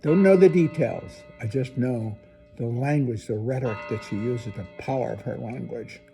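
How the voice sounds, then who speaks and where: A man's voice: medium pitch, normal speed, gravelly, music in the background. An older man, a priest, giving an earnest, emphatic spoken reflection in a conversational way with asides.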